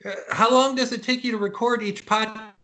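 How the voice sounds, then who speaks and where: A man interviewing a guest, agreeing warmly and asking questions about his work. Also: very high voice, fairly even intonation, fairly quick. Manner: friendly, agreeable, asks questions.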